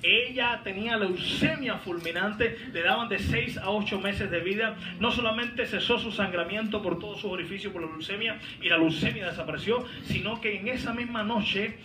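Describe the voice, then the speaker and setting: Male pastor, high voice, fervent preaching, distant mic in an echoey hall with background noise. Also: normal speed, few pauses. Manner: fervent, rising to shouts, teasing asides. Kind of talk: sermon. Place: large hall, voice heard from a distance.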